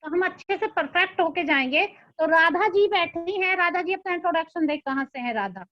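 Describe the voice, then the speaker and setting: A woman's voice: very high-pitched, lively intonation, brisk, lo-fi sound. A woman hosting an online business meeting, praising the speakers and prompting participants to introduce themselves. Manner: encouraging, prompting. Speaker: meeting host. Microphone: video call.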